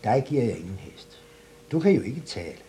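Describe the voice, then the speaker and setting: A stern old father, gruff and dismissive, as a man voices him. Storybook voice near the reader's own, with lively pitch. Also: slight background noise, lightly acted.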